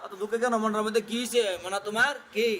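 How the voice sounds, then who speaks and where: An adult gently questions, teases and soothes a crying child in casual chat. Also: medium pitch, level tone, quick pace, a little hiss or hum.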